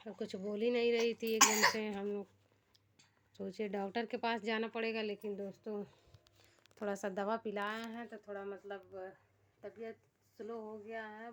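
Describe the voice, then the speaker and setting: A woman with a Bhojpuri-tinged Hindi accent talks casually into a phone camera at home, keeping to a flat, even pitch. A faint hum of noise sits behind her voice. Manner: chatty, addresses viewers as friends. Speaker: family vlogger. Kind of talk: casual home vlog to viewers. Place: home at night.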